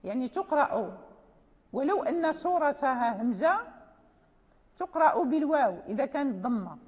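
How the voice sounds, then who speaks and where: A woman with a high voice lectures on recitation rules, explaining each point and then slowly chanting the example verses. She stresses the rules firmly. The recording sounds dull and lo-fi, with a long reverb trailing her words. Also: very animated. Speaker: Quran recitation teacher. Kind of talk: lecture on tajweed.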